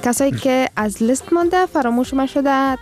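A woman's voice: sits high, music in the background. A woman with an Afghan Dari accent co-hosting a radio call-in show, backing up the host's points. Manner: agreeing, backing up the host. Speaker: radio co-host.

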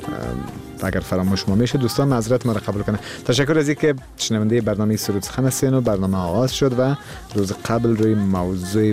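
A man's voice: fairly low pitch, a little mellow. A man with an Afghan Dari accent hosting a radio call-in show, talking earnestly and lecturing about keeping one's culture.

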